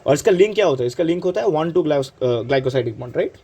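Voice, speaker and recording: A man's voice: a little high, expressive, mellow, husky. A man with an Indian accent teaching chemistry in an exam-prep lecture, mixing Hindi and English and checking in with "right?" again and again. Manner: switches between Hindi and English, asks "right?" constantly; slow, drawn-out on key terms.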